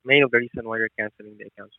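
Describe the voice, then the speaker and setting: A man's voice: lowish voice, fairly even intonation, rapid-fire, no echo. A man working as a customer service agent on a call, polite and deferential. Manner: polite, deferential, often says sir. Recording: thin narrow phone line.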